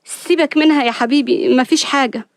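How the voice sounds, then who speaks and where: A woman's voice: high-pitched, quick pace, creaky, no room sound, studio quality. A woman voicing a scheming young woman who sounds falsely sweet and coy. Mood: sly.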